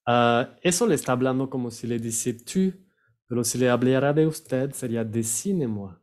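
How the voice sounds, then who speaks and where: A man teaching French pronunciation, repeating words slowly and sometimes searching for the right word. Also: medium pitch, darkish tone. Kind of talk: pronunciation lesson.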